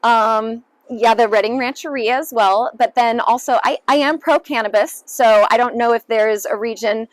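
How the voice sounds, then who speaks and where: A woman's voice: fairly high pitch, steady tone, moderate pace, few pauses, no echo, low-quality recording. A woman in her late twenties, a council candidate, answering interview questions in an upbeat, earnest way with many fillers. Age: 20s. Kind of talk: sit-down news interview.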